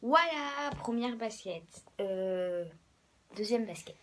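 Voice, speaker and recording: A hoarse young woman, a bit sick, rambling casually about her sneakers with many fillers and drops to a whisper. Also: on the high side, expressive, slow, fairly bright tone, slight background noise. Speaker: vlogger. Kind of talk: casual sneaker show-and-tell.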